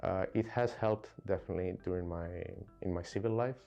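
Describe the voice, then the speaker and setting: A young man from Italy with an Italian accent, giving a corporate interview in an earnest, halting way with many fillers. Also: low-pitched, dull audio. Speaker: credit control specialist. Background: soft music.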